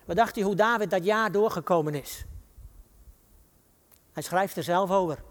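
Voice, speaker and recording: A man with a Dutch accent preaching a sermon, reading scripture quotes slowly and building to dramatic rises. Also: sits high, in a large hall.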